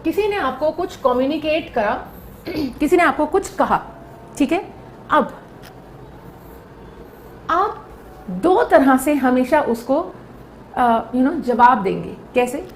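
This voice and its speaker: A woman's voice: high-pitched, lively intonation, takes it slowly, long pauses, roomy sound, a little hiss or hum. A woman giving a lecture, explaining step by step and often checking in with her listeners. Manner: explaining with repeated check-ins. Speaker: teacher.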